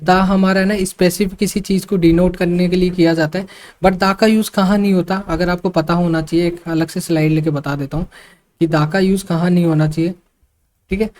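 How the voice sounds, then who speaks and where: A man's voice: high-pitched, fairly even intonation, darkish tone. A man teaching an online exam-prep grammar lesson in a patient, repetitive way. He circles back to each point and keeps checking in with short fillers. English terms slip into his explanations. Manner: explains slowly, repeats points, frequent fillers like 'see' and 'okay'; mixes English terms into speech.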